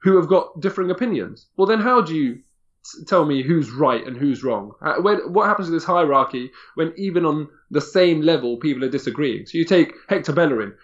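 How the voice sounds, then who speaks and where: Guy talking straight, repeats himself a lot, kinda higher voice, muffled lo-fi audio. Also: expressive, brisk. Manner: candid, emphatic, often repeats words, ends phrases with "man". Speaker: guest. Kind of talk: casual podcast conversation.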